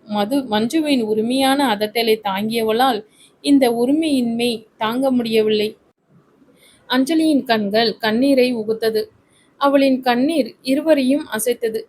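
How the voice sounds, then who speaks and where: A woman narrating a romantic family story in a steady, literary storytelling manner. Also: fairly high pitch, a little slow, a little hiss or hum, rough recording.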